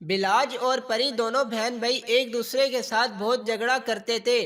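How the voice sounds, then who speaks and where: A man tells a family story, reading in a plain, steady way. His voice is pitched very high for a man and sounds bright and sharp. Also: a little slow. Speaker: narrator. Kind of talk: storytelling narration.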